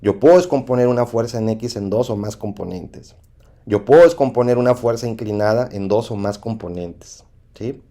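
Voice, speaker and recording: A man with a Mexican accent teaching an engineering lesson over slides, often pausing with "¿sí?" to check understanding. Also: lowish voice, dark tone. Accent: Mexican Spanish. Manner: repetitive, asks "¿sí?" to check understanding. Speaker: engineering instructor.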